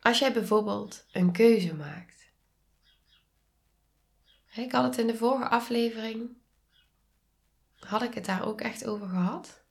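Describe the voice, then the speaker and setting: A woman with a Dutch accent hosting a reflective solo podcast, speaking calmly and softly and often dropping into a whisper. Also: on the high side, vocal fry. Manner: slow, calm, soft-spoken, drops to whispers. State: sneezing. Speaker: podcast host and coach.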